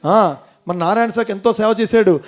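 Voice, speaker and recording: Male devotional storyteller, Telugu accent, high voice, quizzes the crowd and acts out the characters. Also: fairly quick. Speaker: spiritual storyteller and motivational speaker. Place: temple hall with audience.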